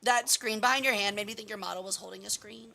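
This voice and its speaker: A woman livestreaming in a cute anime-streamer manner, chatting with viewers in a bubbly, animated way and exclaiming her greetings. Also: medium pitch, quick pace, creaky. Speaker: VTuber streamer, host.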